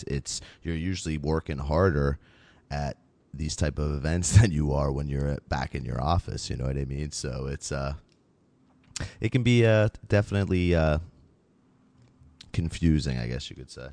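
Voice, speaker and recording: A man's voice: rumbling low, a little mellow. A man co-hosting a podcast, talking in a laid-back, hesitant way with many fillers. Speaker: podcast co-host. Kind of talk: casual podcast chat.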